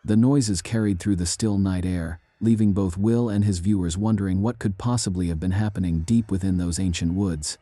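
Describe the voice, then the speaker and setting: A man giving a measured, ominous scripted narration of eerie true stories. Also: deep voice, fairly even intonation, dark tone, no room sound.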